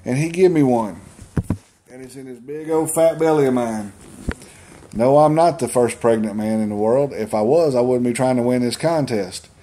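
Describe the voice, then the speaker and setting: Southern guy in his 50s spinning a funny family yarn, dark mellow voice, deadpan. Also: mid-range voice, normal speed, a little hiss or hum. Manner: folksy, deadpan humor with acted-out quotes. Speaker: storyteller. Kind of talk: stand-up storytelling.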